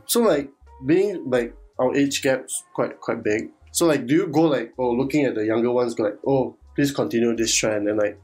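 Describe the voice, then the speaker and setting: A man's voice: medium pitch, expressive, moderate pace, a little mellow, soft background music, low-quality recording. A man hosting a casual podcast chat in colloquial Singlish-style with 'lah' particles. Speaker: host.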